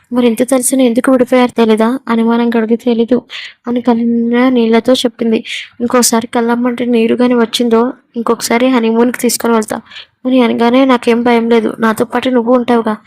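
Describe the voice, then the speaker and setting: A woman's voice: on the high side, darkish tone, no echo, poor audio. A woman narrating a romance story, reading all the characters' lines in her own voice.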